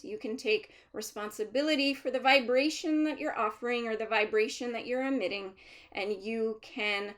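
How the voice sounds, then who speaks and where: A woman speaking as a trance medium, channeling a collective of master healer spirits in a deliberate, formal, instructive manner with pauses. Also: medium pitch, fairly bright tone, close to an everyday voice. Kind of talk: seance medium channeling, unscripted spiritual teaching.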